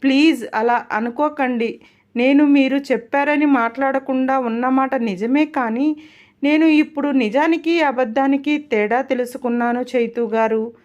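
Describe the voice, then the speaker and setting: A woman's voice: sits high, moderate pace, darkish tone, dull audio, lightly acted. A woman reading a storybook voices a young woman in love who speaks earnestly and pleadingly.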